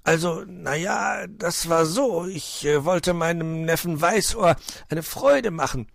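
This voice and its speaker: A man's voice: sits high, big pitch swings, normal speed, vocal fry, no room sound, studio quality, voice pushed up, full character voice. A man doing a flustered fibbing fox uncle. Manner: stammering, blustering excuses. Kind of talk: children's storybook reading.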